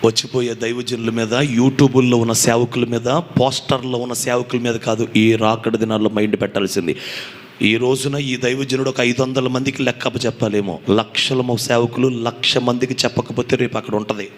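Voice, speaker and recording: A male pastor preaching a fasting prayer sermon with great passion, swinging between loud calls and hushed pleading and firing off rhetorical questions. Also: mid-range voice, fairly even intonation. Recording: echoey hall with faint ambient noise.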